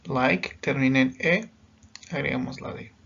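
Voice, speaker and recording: A man's voice: medium pitch, a little slow, creaky, a bit bright, muffled recording, a little hiss or hum. A man teaching English grammar in a recorded lesson, patient and step by step, often checking in as he explains.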